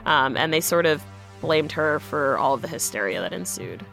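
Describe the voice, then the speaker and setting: A woman's voice: rumbling low, animated, moderate pace, vocal fry, fairly bright tone, soft background music. A woman from the United States telling a personal story in a chatty way, full of "like". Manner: chatty, fillers of "like" throughout. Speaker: guest storyteller.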